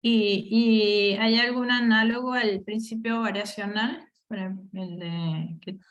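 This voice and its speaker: A woman's voice: mid-range voice, fairly even intonation, unhurried. A woman with a middle-range voice moderates an online math seminar and asks questions in a friendly, tentative way. The sound is dull and lo-fi, as if over a video call.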